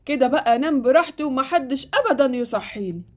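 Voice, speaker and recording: A woman's voice: sits high, animated, fast talker. A woman voicing a sleepy, fussy old man who runs an orphanage, with an Egyptian accent, in a Roblox story with light music behind. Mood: fussing. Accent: Egyptian Arabic.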